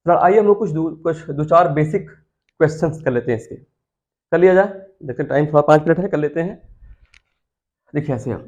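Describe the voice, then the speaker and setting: A man's voice: a little high, fairly quick, long pauses, darkish tone. A man teaching chemistry in a classroom lecture. He coaxes his students, repeats key terms and keeps asking them questions.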